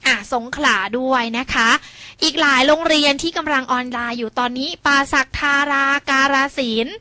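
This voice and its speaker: A woman's voice: sits high, steady tone, normal speed, bright, forceful tone, no room sound. A woman teacher greeting students in an online class, chatty and coaxing them to join in.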